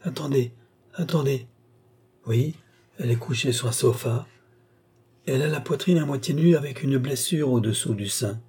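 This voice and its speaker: A man reading the part of an entranced young woman who describes a distant vision in halting phrases, in an audiobook reading. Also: medium pitch, a little mellow, slight background noise, close to an everyday voice. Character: entranced young woman seer, wide-eyed and fearful.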